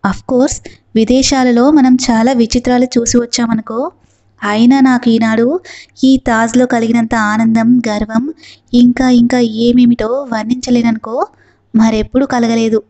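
A sharp-tongued young woman, read by a woman. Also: fairly high pitch, highs cut off, lightly acted. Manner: eager, then sarcastic and impatient.

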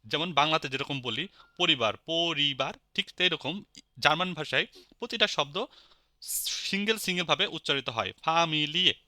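A man with a Bangladeshi Bengali accent teaching a spoken language lesson, patiently repeating each word slowly. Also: on the high side, expressive, pushed and bright, dry recording, clean studio sound.

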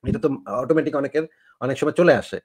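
A man hosting a live online discussion talks quickly, in a slightly higher voice than most men. He explains his points at length and often ends with rhetorical questions. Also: fairly even intonation, darkish tone.

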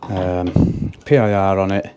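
Chatty electrician with a mellow voice. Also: male voice, sits low, fairly even intonation, slow pace, a little hiss or hum. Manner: chatty, self-mocking, rambling asides. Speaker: electrician vlogger. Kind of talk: casual commentary while working. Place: indoors at a house job. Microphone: handheld camera mic.

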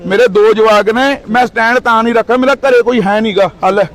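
A man's voice: very high-pitched, fairly even intonation, a little fast. A man in his thirties from Punjab, India, speaking in a heated street interview with indignant, accusing outbursts.

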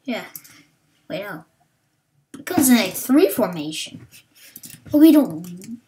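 A woman hosting a gaming video, talking slowly and hesitantly through what she is doing, with many fillers. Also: medium pitch, big pitch swings, warm tone, slight background noise. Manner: hesitant, thinking aloud with fillers. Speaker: gaming channel host. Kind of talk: Let's Play commentary.

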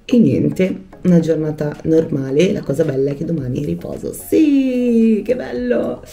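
A woman's voice: low voice, lively intonation, a little slow, gravelly, dark tone, soft background music. A woman in her thirties with an Italian accent, vlogging casually into a phone held at arm's length, chatty and self-mocking with sudden exclamations. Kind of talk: casual daily vlog. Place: home rooms, a car, a bathroom. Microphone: handheld camera or phone at arm's length.

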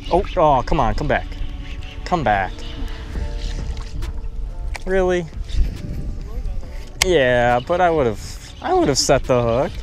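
A man in his twenties vlogging from a small boat on a lake, talking casually to an action camera strapped to his chest, excitable and quick to laugh. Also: on the high side, over music. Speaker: fishing vlogger. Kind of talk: casual on-the-water narration.

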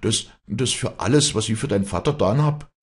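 A man's voice: on the low side, lively intonation, normal speed, darkish tone, husky, voice pushed up. A man voicing a passionate, bitter young farmhand who pleads and sneers in rural dialect.

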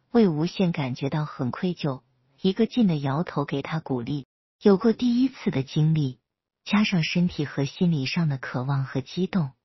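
A woman storyteller reading a romance story aloud in a soft, even manner. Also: low voice, breathy edge, no echo, muffled recording.

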